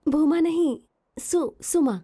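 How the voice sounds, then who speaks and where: A spirited young medical student. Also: female voice, high voice, sing-song, moderate pace. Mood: flustered. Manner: flustered, then sharp and angry.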